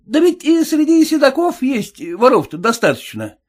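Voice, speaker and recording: A man voicing a suspicious, boastful peasant cab driver with a shrill, folksy way of talking. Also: huge pitch swings, moderate pace, full character voice. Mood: wary, relieved.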